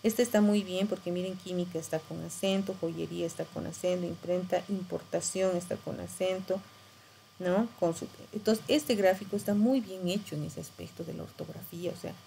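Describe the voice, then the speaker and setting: A woman's voice: fairly low pitch, vocal fry, a little mellow, slight background noise, rough recording. A middle-aged woman teacher, explaining patiently and checking in with tag questions. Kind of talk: screen-share tutorial lesson.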